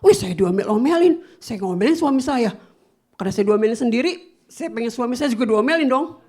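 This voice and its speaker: A woman pastor preaching with a fairly high voice. She swings between loud, emphatic lines and soft asides. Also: a little fast. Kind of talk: sermon with personal anecdotes.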